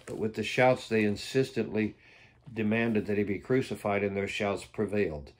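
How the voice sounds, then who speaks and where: A man's voice: lowish voice, steady tone, moderate pace. A man reading Bible passages aloud for a daily devotion, breaking off now and then for plain, offhand comments. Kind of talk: Bible reading with casual asides.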